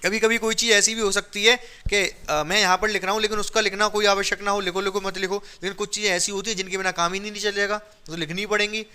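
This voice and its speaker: Male maths teacher, clear resonant voice, repetitive and encouraging, always asking if students follow. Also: high voice, flat delivery, quick pace, hardly any pauses, bright, forceful tone. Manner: coaxing, checks understanding often; repetitive, stresses reasons. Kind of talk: classroom maths lesson.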